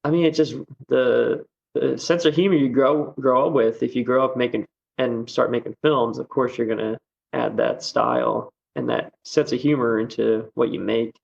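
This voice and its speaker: A man's voice: mid-range voice, fairly even intonation, moderate pace, gravelly, darkish tone, highs cut off. A man chatting casually as a podcast guest, rambling with many fillers and easy laughs. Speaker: guest musician. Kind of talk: casual chat.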